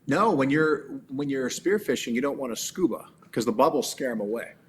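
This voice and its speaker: Male guest, mid-pitched, chatty storyteller with frequent ums and restarts. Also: fairly quick, a little hiss or hum. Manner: animated storyteller with many fillers and restarts. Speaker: guest, animal trainer. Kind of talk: casual interview chat.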